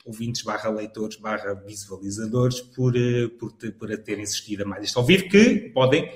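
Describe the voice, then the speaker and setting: A man's voice: lowish voice, normal speed, echoey room. Rambling European Portuguese man host. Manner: rambling, with many restarts. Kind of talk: live podcast chat.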